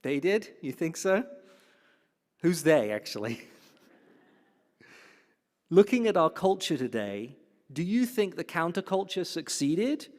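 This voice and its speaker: A man giving a lecture-style address to a gathered audience, animated and playful, putting questions to the listeners. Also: a little high. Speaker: platform speaker. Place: hall with an audience. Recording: long hall reverb.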